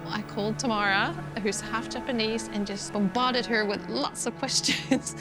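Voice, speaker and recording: A woman's voice: a little high, steady tone, normal speed. A woman in her thirties from northern Norway, speaking English, telling her company's story in an earnest, enthusiastic documentary interview. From Lofoten, Norway. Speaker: company co-founder and CEO. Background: loud background music.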